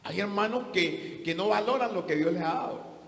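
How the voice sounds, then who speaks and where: A man's voice: high-pitched, moderate pace, creaky, echoey room, big-room sound. A man preaching a sermon as pastor, pressing his point with rhetorical questions.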